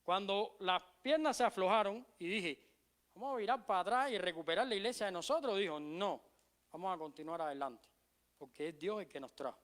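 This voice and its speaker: Preaching at a brisk pace, a middle-aged pastor from Cuba with a Cuban Spanish accent hammers home key phrases through repetition. At times his emphatic delivery gives way to quiet, low asides.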